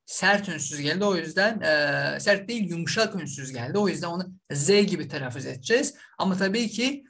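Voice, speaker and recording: A man's voice: on the high side, lively intonation, a little fast, creaky, fairly bright tone. A man from Azerbaijan, teaching an online language lesson and drilling each word over and over, with a frequent "okay?" to check in. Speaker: English teacher.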